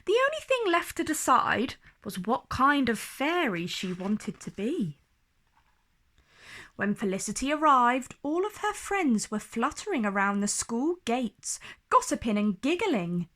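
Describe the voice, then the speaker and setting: This is scripted storybook narration: a woman reads a children's book aloud, her fairly high-pitched voice expressive and her storytelling deliberate.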